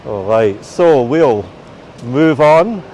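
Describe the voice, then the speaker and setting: A man's voice: medium pitch, expressive, darkish tone, rough recording. Scottish man guiding outdoors, street noise behind. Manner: informal, halting explanations. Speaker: tour guide. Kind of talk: live walking tour commentary. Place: outdoors on a rainy city street.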